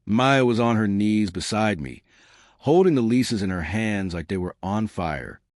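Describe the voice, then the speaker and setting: Low-voiced man narrating a dramatic story. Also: expressive, unhurried, dry recording, clean studio sound. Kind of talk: first-person story narration.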